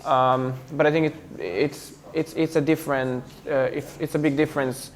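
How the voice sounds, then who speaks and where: A young man from Serbia with a Serbian accent, talking in an interview, pausing often with fillers and restarts. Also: on the high side, steady tone. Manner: hesitant, many fillers and restarts. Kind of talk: casual interview talk.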